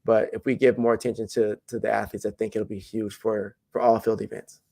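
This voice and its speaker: Fairly low and gravelly, his voice moves a little fast as this jumps coach loosely answers podcast questions. He's relaxed, meandering, and keeps filling gaps and starting sentences over.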